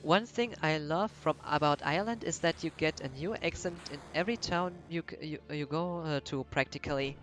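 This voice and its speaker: A man from Germany, chatting casually while streaming a video game and often pausing to search for English words. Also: fairly high pitch, a bit bright, faint music behind. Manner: hesitant, searching for words, many restarts. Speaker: let's play streamer. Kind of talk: casual chat while gaming.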